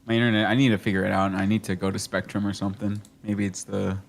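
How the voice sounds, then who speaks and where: A man with a somewhat low voice chats as a player in an online tabletop game. He rambles and restarts his thoughts in an offhand way. He sounds like he is on a computer mic over voice chat. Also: level tone, quick pace, creaky, slight background noise. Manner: rambling, talks in loose restarts.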